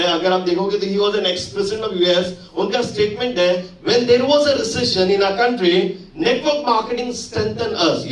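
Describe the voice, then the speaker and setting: A high-voiced man in his forties with an Indian English accent rallies a network marketing audience from the stage, peppering them with rhetorical questions. Hindi and English mix within his sentences, and the sound comes from an echoey hall with the mic held well back from his mouth.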